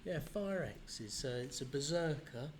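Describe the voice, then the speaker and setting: A man's voice: mid-range voice, expressive, measured pace, heavy background noise. Jokey man with clicks behind him. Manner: jokey, self-mocking. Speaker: live-stream co-host for a mobile game. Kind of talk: casual live-stream chat.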